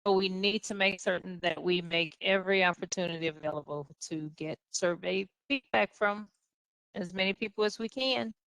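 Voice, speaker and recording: A woman's voice: fairly low pitch, moderate pace, vocal fry, fairly bright tone, smooth, no echo, poor audio. Woman on a choppy group voice chat. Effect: voice over an online group call, audio cutting out. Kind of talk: town hall announcements over a group call. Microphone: computer mic on a video call.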